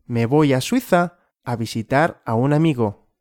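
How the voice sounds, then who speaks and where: A man voicing a polite talking dog in a storybook lesson, reading its lines calmly and plainly. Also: mid-range voice, unhurried, dry recording, studio quality, lightly acted.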